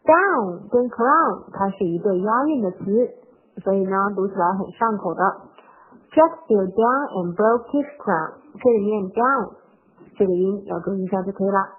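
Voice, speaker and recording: A woman's voice: medium pitch, animated, normal speed, breathy edge. A woman teaching English pronunciation, patiently repeating single words and sounds. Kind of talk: explaining pronunciation of a nursery rhyme. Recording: tinny phone-like sound.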